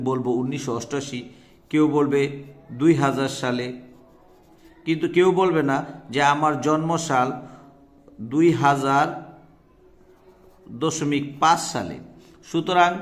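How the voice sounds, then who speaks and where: A man in his thirties with a Bangladeshi Bengali accent gives an exam-prep math lesson. His voice sits a little high, and he walks through each example step by step, restating the rule again and again. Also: a bit bright. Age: 30s. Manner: explains step by step, repeating key rules. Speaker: math teacher.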